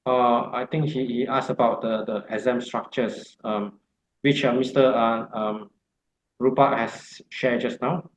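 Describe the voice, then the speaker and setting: A man leading an online course orientation, talking haltingly with many ums and uhs. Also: medium pitch, steady tone, reverberant, slight background noise, rough recording. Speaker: course instructor.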